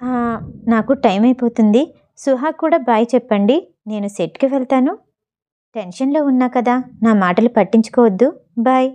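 A woman voicing an earnest, self-reliant young actress in an audiobook story, speaking with quiet conviction. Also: fairly high pitch, moderate pace, lightly acted. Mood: hurried.

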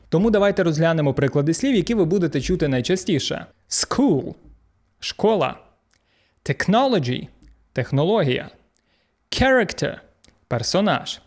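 A man with a Ukrainian accent teaching English pronunciation, slowing down to model each word and giving its translation. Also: on the high side. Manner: lively, slows down to model English words. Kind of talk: pronunciation lesson.

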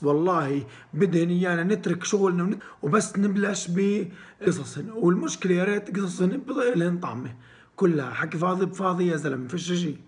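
A man's voice: high-pitched, fairly bright tone. A young man performing a comic sketch, ranting in an exasperated, dismissive way. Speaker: comedian.

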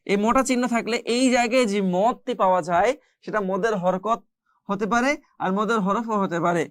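A recitation teacher gives a step-by-step lesson, pausing to demonstrate by chanting long, held-out syllables. The voice is smooth and resonant, recorded close in a dry space with no room sound. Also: medium pitch, no room sound. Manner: explains rules slowly, then chants drawn-out Arabic syllables.

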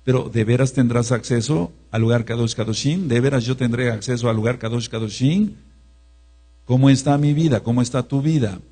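A man's voice: mid-range voice, steady tone, fairly quick, mellow. A man preaching a sermon, emphatic, repeating phrases and leading the congregation to repeat after him. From Mexico.

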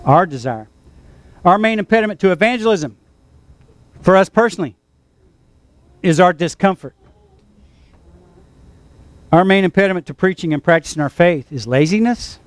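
Pastor, male, high voice, emphatic sermon delivery with call-and-response. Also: normal speed, long pauses, no room sound. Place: church.

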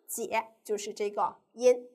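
A woman's voice: a little high, level tone, measured pace, darkish tone. A woman teacher giving a primary school pinyin lesson, asking the children questions and drawing out each sound in a sing-song way.

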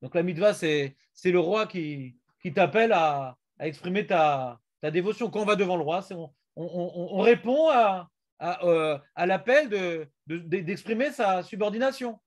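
A man's voice: high voice, animated, normal speed, few pauses. A man teaching a Talmud class, questioning and prodding his students.

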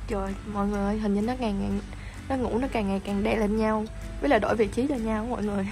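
A woman's voice: medium pitch, fairly even intonation, fast talker, a little mellow, soft background music. A woman, chatting casually at home to viewers and fussing over her puppies in a doting voice. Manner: doting, chatty, talks baby talk to puppies. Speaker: pet vlogger. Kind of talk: casual vlog narration.

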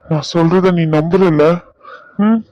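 A husband who vlogs speaks slowly in a slightly high voice, pleading with and comforting his wife and saying the same things again in an emotional couple vlog. The recording has no echo and a dull, lo-fi quality.

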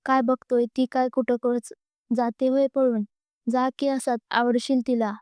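Woman reading bossy teasing older lady of the house, smooth, kinda high. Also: flat delivery, measured pace, warm tone, dry recording, clean studio sound. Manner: bantering, scolding.

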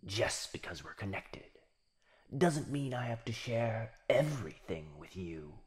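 In a yandere ASMR roleplay, a male voice plays a sinister living shadow, fairly low-pitched, very animated, and fully in character. Breathy and husky, often dropping toward a whisper, he drawls slowly with mocking, possessive tenderness and predatory menace. The mood is smug and menacing.

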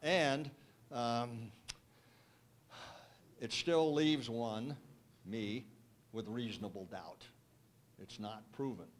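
Audience questions go to an older man speaking as a guest in a wood-panelled banquet hall, and he answers into a handheld microphone. His mid-range voice delivers replies that are measured, emphatic and wry.

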